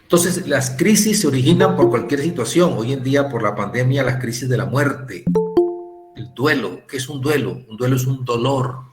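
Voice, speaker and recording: A man's voice: medium pitch, normal speed, music in the background. A man teaching a ministry course, lecturing with many rhetorical questions and acting out what people say. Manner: animated, rhetorical questions, acts out quoted remarks. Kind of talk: classroom lecture.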